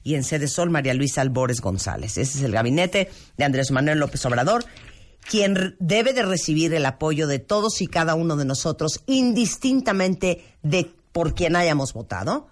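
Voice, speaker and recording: A man's voice: fairly high pitch, expressive, normal speed. A man with a Mexican accent hosting a radio show, talking in an emphatic, preachy way and reeling off lists. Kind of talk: casual opinion talk on air. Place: radio studio.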